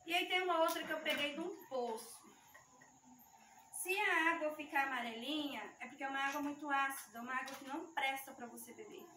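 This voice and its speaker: A woman leads a youth ministry talk, walking her listeners through a hands-on demonstration in an explanatory, slightly nervous way. Her high, bright voice is picked up from a distance, with echo from the hall and a faint hum of the room behind her. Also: a little fast. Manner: explanatory, talks the audience through each step. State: shaky with nerves. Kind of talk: teaching talk with a live demonstration. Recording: echoey room mic from far off.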